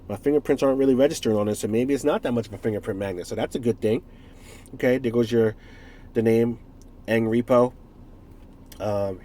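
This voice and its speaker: This is a man in his forties from the United States, his voice mellow and mid-range, with a stuffed-up nose from a cold. He casually reviews a product, rambling and correcting himself while tossing in jokey asides.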